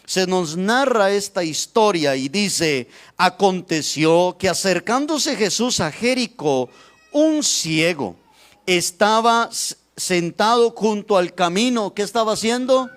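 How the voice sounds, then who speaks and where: A man's voice: high voice, animated, takes it slowly. A man preaching a sermon, acting out cries and asking the congregation questions. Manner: dramatic, shouts the blind man's cries.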